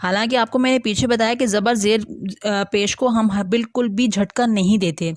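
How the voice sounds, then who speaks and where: A woman teacher giving an online Quran reading lesson, patiently explaining step by step, asking her class questions and slowly sounding out letters. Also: on the high side, steady tone, darkish tone, no echo, studio quality.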